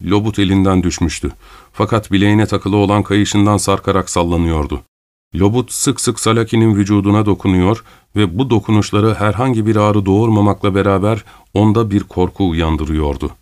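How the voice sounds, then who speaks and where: Male audiobook narrator, steady measured reading, fairly low voice, dry close-miked sound. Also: no room sound.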